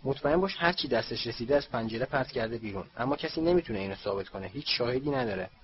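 Man doing a brisk, hurried wizard official. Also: medium pitch, lively intonation, close to an everyday voice. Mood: chatty. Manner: hurried and talkative. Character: brisk middle-aged male wizard official. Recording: slightly dull, faint hiss.

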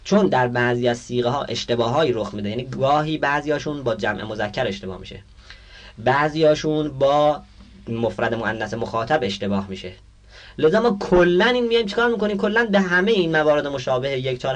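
A man's voice: medium pitch, expressive. A man teaching a grammar lesson, reading out Arabic text and explaining it, often asking the class questions and answering them himself.

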